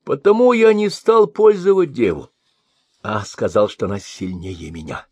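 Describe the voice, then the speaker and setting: A man's voice: lowish voice, measured pace, slightly rough, no room sound. A man voicing a boastful young minstrel spinning a tall tale. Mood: sheepish. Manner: lively, boastful storytelling.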